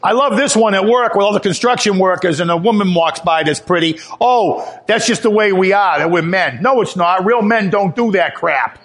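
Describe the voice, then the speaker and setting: A man giving a sermon, earnest and personal, telling his own testimony and growing louder and higher when he stresses a point. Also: moderate pace, hardly any pauses. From Italian heritage. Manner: earnest testimony, rises in pitch when emphatic. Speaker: preacher.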